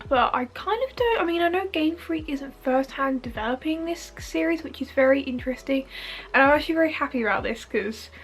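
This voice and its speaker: Giggly high-voiced young woman. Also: lively intonation, a bit bright, low-quality recording. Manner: gushing, giggly, fast and rambling with many fillers. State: sniffly from allergies. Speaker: YouTuber reacting to a game trailer. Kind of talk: excited casual vlog chat. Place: home front room.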